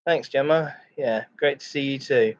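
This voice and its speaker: A man hosting a casual livestream chat, greeting viewers in a halting, repetitive way. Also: medium pitch. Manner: halting, repeats phrases. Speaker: live streamer, host of a chat and ASMR stream. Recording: dull lo-fi microphone sound.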